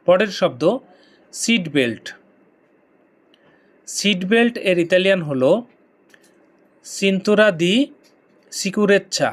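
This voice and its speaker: Male teacher, slow and deliberate, repeats each term in a drill. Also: high voice. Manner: repeats each word several times, drawn out. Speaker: language teacher. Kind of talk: slow vocabulary drill lesson.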